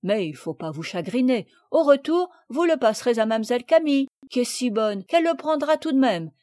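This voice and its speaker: A woman's voice: on the high side, animated, brisk, warm tone, no room sound, clean studio sound, natural voice. A woman reading aloud and voicing a kindly, talkative peasant boy with earnest country speech. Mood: earnest, consoling.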